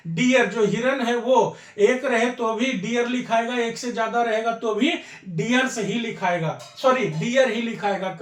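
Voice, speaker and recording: A man's voice: high voice, roomy sound. A man teaching English grammar for exam preparation, repeating each point and asking his students rhetorical questions. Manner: repetitive, drilling explanations with rhetorical questions. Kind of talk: exam-prep grammar lesson.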